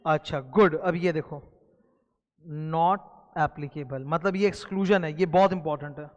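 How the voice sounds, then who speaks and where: A man's voice: on the high side, measured pace, in a large hall, muffled recording. A man with an Indian accent teaching exam candidates, explaining syllabus changes in a conversational way and repeating key points. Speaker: exam tutor. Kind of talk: recorded lecture explaining a syllabus.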